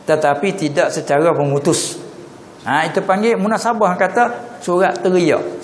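A man from southern Thailand with a Patani Malay accent, giving a religious lecture and putting questions to his listeners. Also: high voice. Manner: questioning listeners, drawn-out Arabic terms. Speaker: religious teacher. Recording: echoey hall recording.

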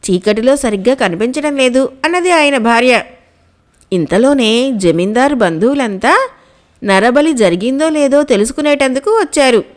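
A woman narrating a children's folk tale, reading steadily and clearly. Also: sits high, animated, normal speed. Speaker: storyteller.

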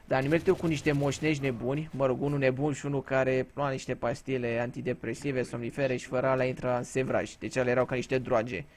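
Swearing freely and spinning crude jokes, a gaming YouTuber from Romania talks casually over gameplay. He speaks at a medium pitch, and a little hiss or hum is audible.

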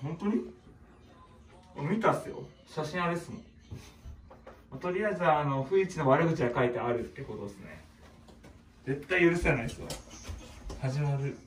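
A man's voice: on the high side, animated, moderate pace, pauses often. A playful young man with a Kansai accent in a roomy home recording. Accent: Kansai Japanese. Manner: playful, mock-indignant teasing. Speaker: family vlog regular. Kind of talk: casual family chat. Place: home room. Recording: roomy, distant mic, faint noise.

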